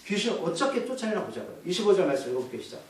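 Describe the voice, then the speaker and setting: In a church, a male pastor delivers a rapid-fire sermon in a high voice with big swings in pitch, questioning the congregation and supplying the answers himself. It is recorded from a distance in an echoey hall.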